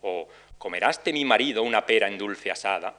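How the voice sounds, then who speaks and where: A middle-aged man giving an academic lecture, reading out quoted ballad verses in a slower, measured cadence. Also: fairly low pitch, lively intonation, bright, forceful tone. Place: lecture hall.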